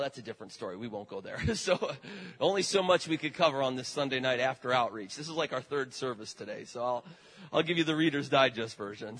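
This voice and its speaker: A middle-aged man preaching as a traveling evangelist, his voice a little husky and sitting somewhat high. He tells his stories in a loose, folksy way, stacking up fillers and calling out amens. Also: fairly bright tone, low-quality recording. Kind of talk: sermon testimony.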